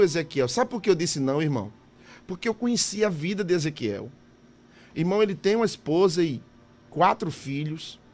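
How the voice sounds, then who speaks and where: A man, a missionary pastor, preaching a sermon and telling a testimony in a fervent, emotional way. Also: high voice.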